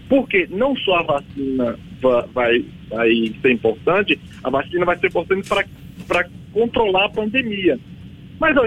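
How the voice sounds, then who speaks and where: A man from the backlands of Bahia with a Bahian Brazilian accent and a husky voice, explaining as an expert guest in an informal, emphatic way. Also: sits high, phone-quality sound. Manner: emphatic, colloquial, checks listener understands. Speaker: vaccine researcher, interview guest.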